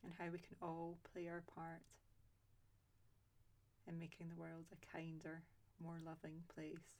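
A woman guiding a loving-kindness meditation, speaking slowly and softly with long pauses. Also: sits low. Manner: slow, soft and calm with long pauses. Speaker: meditation guide.

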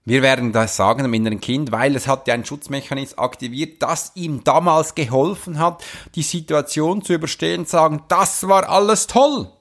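A man's voice: mid-range voice, fairly even intonation, brisk, a bit bright. A man coaching in a podcast monologue, earnestly addressing the listener directly and often restarting his sentences.

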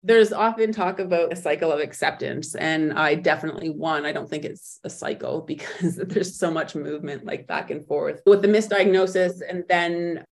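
On an interview podcast, a woman with a low voice tells her own story reflectively, often pausing and restarting while she looks for the right words. She is speaking English, and German is not her first language.

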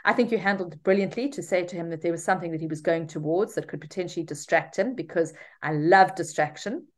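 Animated low-voiced woman podcaster. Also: fast talker. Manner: animated, reflective, repeats words. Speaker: podcast co-host; mother of three. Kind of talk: casual podcast conversation.

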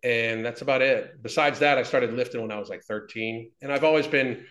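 A man's voice: medium pitch, a little fast, fairly bright tone. Blunt, profane man in his fifties, echoey room. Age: 50s. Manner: blunt and profane, rambling with many restarts. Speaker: interview guest, fitness business owner. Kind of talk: casual interview talk.

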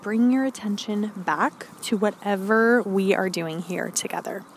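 Woman, calm grounding-exercise guide for a podcast, encouraging and gently instructing, some vocal fry, light noise behind. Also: mid-range voice, unhurried. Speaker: podcast host and meditation guide.

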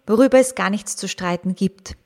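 A woman voicing a calm, gentle father who soothes his two quarreling children. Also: medium pitch, normal speed, close to an everyday voice. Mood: soothing. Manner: soothing, sometimes hushed.

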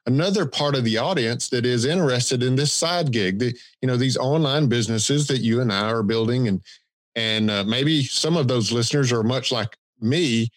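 With a thick Southern accent from Georgia, United States, this man co-hosts a podcast in a casual, folksy, self-deprecating manner. His pitch is medium and his speed normal. There's no room sound in this casual conversational podcast talk.

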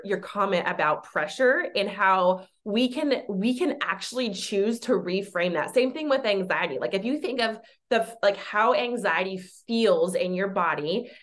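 A woman who works as a children's therapist, a podcast guest talking in a chatty, animated way with many fillers. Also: medium pitch, a little slow, hardly any pauses. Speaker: pediatric occupational therapist guest. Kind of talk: casual podcast conversation.

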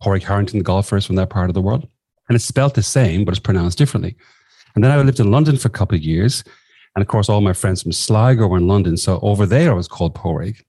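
A husky, warm male voice, on the low side and quick, with no echo. He's in his fifties, comes from the southwest of Ireland and speaks with an Irish accent, and as a podcast guest, a former nurse and coach, he tells personal stories conversationally in a wry, self-effacing way.

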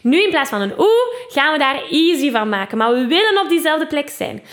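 A woman's voice: high-pitched, big pitch swings, moderate pace, a bit bright. A woman with a Flemish accent, a singing teacher who explains vocal technique patiently and often adds "hè", breaking into short sung demonstrations. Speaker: singing teacher and podcast host.

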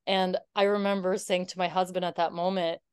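A woman's voice: lowish voice, little pitch movement, brisk, a little mellow, smooth, dry recording, clean studio sound. A woman guest in her thirties telling her story in a casual interview, earnest and heartfelt, with many fillers. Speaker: podcast guest.

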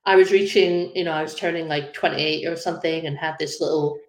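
Low-voiced Scottish woman in an echoey room. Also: steady tone, a little fast. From Scotland. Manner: chatty, many ums, laughs easily. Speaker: guest graphic designer. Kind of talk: casual interview chat.

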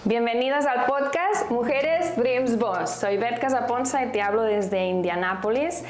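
A woman's voice: a little high, unhurried. A woman hosting an interview podcast, upbeat and emphatic, repeating words for effect. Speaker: podcast host. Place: studio room, guest present. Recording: roomy echo, faint music.

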